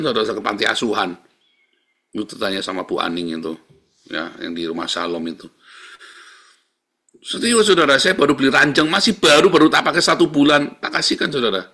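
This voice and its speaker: A middle-aged man preaches a sermon in a gravelly, bright voice with a husky edge. He talks emphatically and keeps calling out to his congregation. His delivery swings from soft murmurs to loud exclaiming. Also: on the low side. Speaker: pastor.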